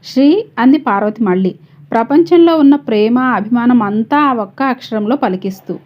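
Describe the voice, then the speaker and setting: Woman reading out a story episode, steady and measured, voice a bit high, muffled lo-fi sound. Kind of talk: serial story narration.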